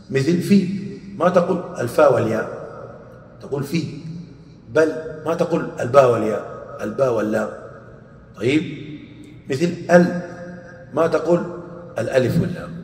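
A man teaching grammar in a lecture, asking questions and answering them himself, repeating quoted verses slowly. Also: a little mellow. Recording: echoey hall, distant mic, faint rumble.

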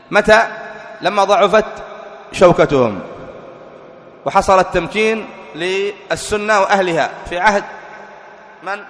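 A man teaching a religious lesson. He explains a creed text, reads quoted passages slowly and deliberately, and asks rhetorical questions that he answers himself. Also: high voice, a bit bright. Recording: echoey hall with long reverb.

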